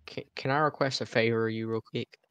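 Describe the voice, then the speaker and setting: A gruff Southern general in a game role-play, put on by a man, with a bright, cutting voice and a forced fake Southern accent. He is folksy and courteous one moment and exasperated the next, swearing freely as he goes. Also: mid-range voice, fairly even intonation, fast talker, dry recording, muffled recording, natural voice. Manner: forced, folksy drawl with cursing. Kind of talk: improvised role-play while gaming.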